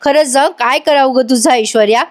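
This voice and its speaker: A woman's voice: high voice, normal speed, close to an everyday voice. A woman voicing a stern, scolding young lawyer. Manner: lecturing, reproachful.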